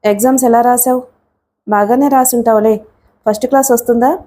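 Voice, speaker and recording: A woman's voice: fairly high pitch, steady tone, brisk, warm tone, natural voice. A woman reading a teasing teenage schoolgirl. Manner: playful, teasing. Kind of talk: audiobook character reading.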